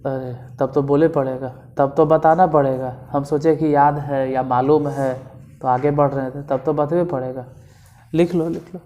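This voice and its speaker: Man, Bihari Hindi accent, maths teacher, mellow dark voice, mid pitch, slow repeated dictation, quizzes students. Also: fairly even intonation, highs cut off. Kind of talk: online classroom lesson.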